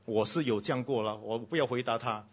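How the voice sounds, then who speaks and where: A man preaching a sermon to a congregation, switching between loud exclamations and hushed lines, slipping in English phrases and speaking directly to the children. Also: mid-range voice, a little fast, breathy edge, dull audio.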